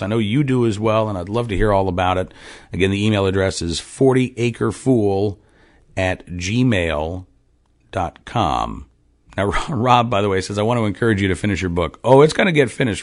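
On a farm, a deep-voiced man in his forties hosts a podcast, delivering a casual monologue. He rambles, using frequent fillers and restarts.

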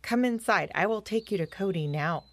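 A woman's voice: mid-range voice, animated, normal speed, no room sound. A woman voicing an eager young male dog, a coyote's apprentice, speaking earnestly in a children's audio story.

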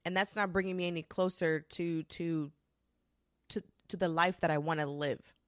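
A woman's voice: lowish voice, fairly even intonation, a bit bright, no echo. Woman, 20s, casual self-talk monologue, profane, candid, dry recording. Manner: candid and profane, with frequent restarts and quick bursts.

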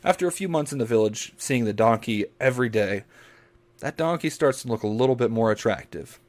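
A man chatting casually on a podcast. His talk is crude and profane, full of dirty jokes, in an average-pitched voice. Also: lively intonation, brisk, darkish tone. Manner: crude, profane joke-telling. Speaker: podcast co-host.

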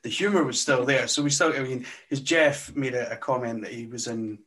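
A man co-hosting a podcast, bantering in a relaxed, casual way. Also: medium pitch, brisk. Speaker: podcast co-host.

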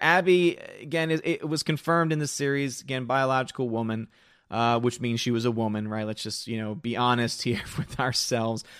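A man on a live stream reads chat comments aloud and rambles casually, his medium-pitched voice slightly hoarse because he's losing it. The sound is studio quality with no echo.

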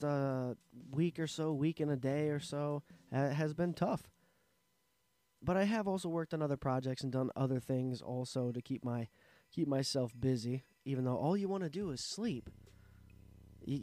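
A man's voice: a little high, warm tone. A man hosting his own podcast, sick with a sore throat and a nasal voice, rambling and swearing in a casual monologue. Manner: rambling, profane, self-interrupting. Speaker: podcast host. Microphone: studio microphone.

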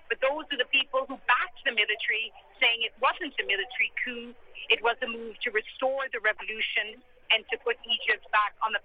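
A high-pitched woman reports live as a correspondent from a rooftop outdoors. Her delivery is measured and formal, describing things carefully. The sound is dull and lo-fi, with faint noise and loudspeakers behind her. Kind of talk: live news report in a two-way. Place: outdoors on a mosque rooftop above crowded streets. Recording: noisy lo-fi line, dull sound. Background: loudspeaker voices and street ambience.

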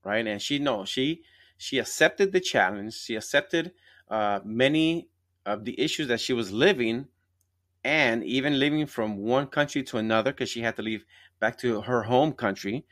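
This man, medium-pitched and a bit bright at a normal pace, hosts a live podcast interview in a dry, studio-quality recording. Repetition, strong emphasis, and enthusiasm mark his talk, and he frequently checks in by tagging phrases with "right?"

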